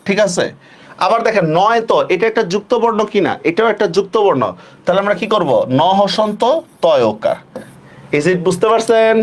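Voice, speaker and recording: A man teaching a live online class, repeating questions and checking often that students follow. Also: high-pitched.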